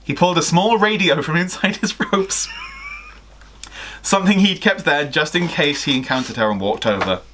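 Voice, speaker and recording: A guest reader of listener fan fiction, a young adult man, reads the story aloud dramatically and voices the dialogue. He speaks at a normal speed in a somewhat high, slightly bright voice, with slight background noise in the small attic bedroom where he records.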